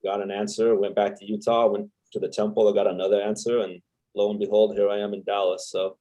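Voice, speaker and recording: With a lowish, warm voice that barely moves in pitch, this young Salvadoran man speaks quickly as a podcast guest. He recounts his story casually and ramblingly, with plenty of filler words, in a relaxed chat.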